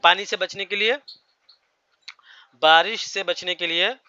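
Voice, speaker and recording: A man teaches English words to a class, stopping often to check that everyone is following. His voice is bright and fairly high, and it sounds dull and muffled, with a dry, close sound. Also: fairly even intonation, unhurried, clear, resonant tone, no echo. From India. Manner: explains each word with repeated checks to the class. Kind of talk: classroom vocabulary lesson.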